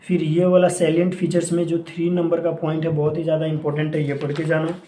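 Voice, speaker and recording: A young man runs a casual exam-prep lesson and keeps repeating what must be read. His voice sits a little high and sounds mellow rather than bright. The room around him rings with echo. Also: completely flat delivery, fast, a little hiss or hum. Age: young adult. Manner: repetitive, urgent instructions; mixes English phrases into Hindi speech. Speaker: exam coaching teacher. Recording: echoey room.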